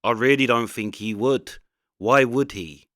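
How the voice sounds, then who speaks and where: A man's voice: medium pitch, measured pace, a bit bright, dry recording, clean studio sound. A man giving casual, opinionated reaction commentary, rambling conversationally with emphatic points.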